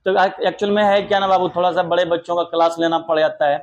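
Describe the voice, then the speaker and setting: A young man teaching English grammar to children in an online lesson, coaxing them affectionately and praising their answers loudly. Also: sits high, steady tone, quick pace, highs cut off.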